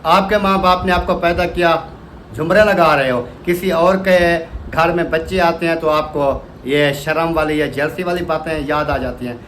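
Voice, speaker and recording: A man's voice: a little high, moderate pace, fairly bright tone, slight background noise, low-quality recording. A family vlogger talking casually and directly, repeating his points and checking in with "okay?". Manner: direct and repetitive, keeps asking "theek hai?". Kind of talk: casual vlog talk.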